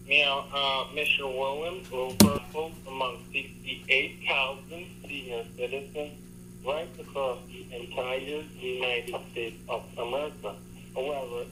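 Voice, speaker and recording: A man on a phone line giving a formal, overly polite scripted pitch, repeating "wonderful". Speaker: scam caller. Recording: tinny phone line with faint hiss.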